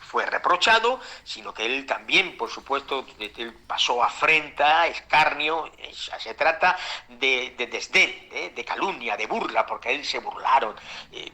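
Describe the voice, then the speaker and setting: A man's voice: medium pitch, animated, measured pace, bright, forceful tone. A man preaching a Bible-school sermon as pastor, fervent, with many fillers, repeated words and whispered asides, addressing his listeners as brothers.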